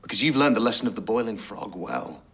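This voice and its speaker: An actor playing a relentless, accusing male prosecuting barrister in a TV soap, with measured, pointed rhetorical questions. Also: fairly low pitch, fairly bright tone. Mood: grave, pressing. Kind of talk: TV soap courtroom acting.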